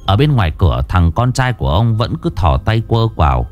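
Male horror audiobook narrator, very low, lively intonation, faint music underneath. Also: brisk. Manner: dramatic, vivid storytelling.

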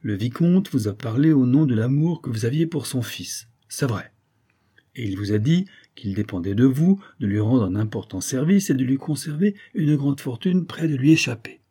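A man's voice: medium pitch, lively intonation, moderate pace, mellow, husky, pitched above the performer's own voice. A man reading aloud plays a cunning disguised adventurer who speaks with sure, commanding knowingness. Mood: knowing.

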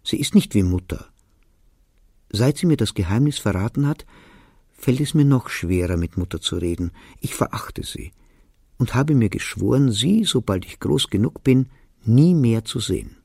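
A man reading a novel aloud for radio, telling the story quietly and evenly in the first person. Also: mid-range voice, lively intonation, moderate pace, creaky, slightly rough, no echo, studio quality. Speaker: narrator. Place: radio studio.

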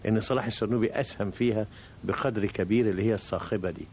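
A man's voice: on the low side, fairly even intonation, very fast, darkish tone. A man with an Egyptian accent hosting a radio interview, pressing his guest with probing questions. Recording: dull old radio recording with faint hum.

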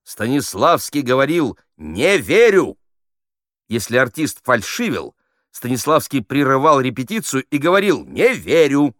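Here a man performs the same bossy officer directing a play, pushing his medium pitch higher than his own voice. The tone is bright and forceful, the pace normal and the reading expressive and commanding, recorded dry in a clean studio.

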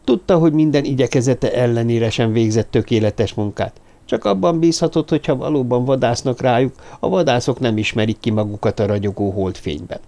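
A man reading a suspense novel aloud as audiobook narrator, steady and suspenseful. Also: mid-range voice, vocal fry. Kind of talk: scripted narration.

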